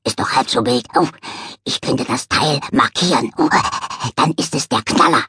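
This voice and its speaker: A woman reading an audiobook, voicing a cheerful, easygoing little male dog in a lower, slangy voice. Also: moderate pace, bright, forceful tone, a little hiss or hum.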